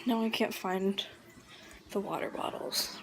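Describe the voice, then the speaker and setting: A woman's voice: mid-range voice, fairly even intonation, measured pace, crowd noise. A teenage girl vlogging casually, rambling and giggling, often dropping to a whisper. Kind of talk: casual vlog chat.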